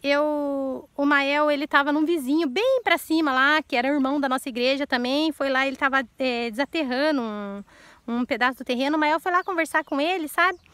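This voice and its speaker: A woman's voice: sits high, brisk, a bit bright, dry recording. A woman, in her thirties, telling an earnest personal faith testimony straight to her listeners and repeating words for emphasis.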